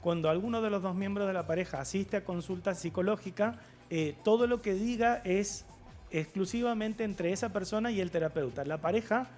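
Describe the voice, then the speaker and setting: High-voiced man explaining calmly. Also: faint music behind. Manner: measured and explanatory, many filler pauses. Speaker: guest sexologist. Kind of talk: TV studio interview. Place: TV studio.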